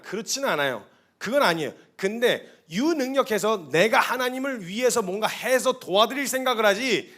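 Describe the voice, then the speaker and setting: A male missionary preaching a sermon to a seated church congregation, telling the story with animated delivery and acting out quoted dialogue. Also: very high voice.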